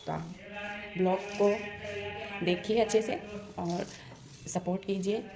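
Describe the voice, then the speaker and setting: A young woman talking through her household chores in a casual daily vlog, rambling, speaking softly and holding the phone herself. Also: mid-range voice, steady tone, slow pace, creaky, far from the mic, crowd noise. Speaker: vlogger. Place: home kitchen. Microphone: handheld phone. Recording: echoey room with household noise.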